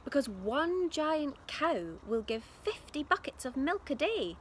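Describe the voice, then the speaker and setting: Storybook father, played by a woman, urgent, bossy and thrilled, high and very animated. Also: a little slow, a little hiss or hum. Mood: excited, urgent. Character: excitable impatient father, adult man, booming with enthusiasm. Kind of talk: children's storybook reading.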